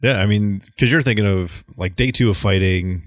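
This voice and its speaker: A man's voice: on the low side, normal speed, no echo, clean studio sound. A young adult man co-hosting a podcast in casual chat, matter-of-fact and knowledgeable. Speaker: podcast co-host.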